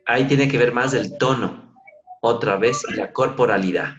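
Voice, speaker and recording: A man's voice: medium pitch, moderate pace, fairly bright tone, muffled recording. A middle-aged man leading an online coaching class, explaining and acting out ways of asking questions. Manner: demonstrative, acts out tones of questions. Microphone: video call.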